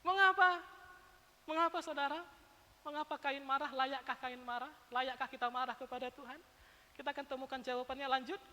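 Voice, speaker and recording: Bright, emphatic woman preacher. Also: sits high, fairly even intonation, a little fast, slight background noise. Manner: emphatic, rhetorical questions, playful asides to congregation. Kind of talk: sermon. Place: church sanctuary. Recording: long church-hall reverb.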